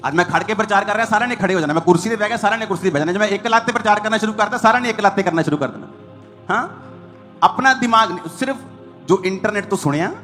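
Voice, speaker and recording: A male pastor, preaching quickly in a fairly high voice and driving each point home through short repeated bursts. Soft music plays under his sermon.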